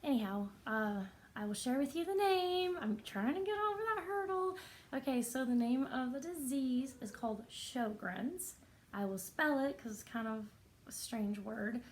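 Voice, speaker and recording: A vlogger speaks directly to camera in a personal vlog, her somewhat high voice soft, raspy and expressive. She comes across as earnest and reflective, unhurried and pausing often, with a faint hum of ambience behind her.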